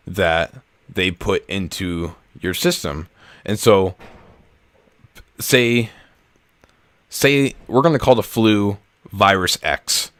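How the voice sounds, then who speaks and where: A young man with a very deep voice co-hosts a comedy podcast. He explains things at length in a casual, blunt way and drops the odd swear word. The sound is dry and close, with no room echo. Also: a bit bright. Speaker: podcast co-host. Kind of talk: casual chat.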